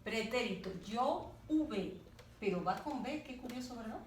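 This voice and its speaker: A woman teacher gives a grammar lesson, talking slowly and deliberately and checking in with her students as she goes. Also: a little high, lively intonation. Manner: slow and deliberate, checking in with "¿de acuerdo?". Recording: roomy, distant, faint background noise.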